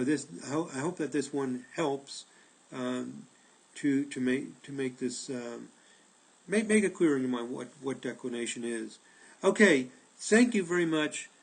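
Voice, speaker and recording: A man's voice: mid-range voice, rough recording. A man giving an informal tutorial on astronomy for astrologers, rambling with many fillers and restarts, his voice a little worn as he loses it. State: losing his voice. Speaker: astrology teacher. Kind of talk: informal screen-recorded tutorial.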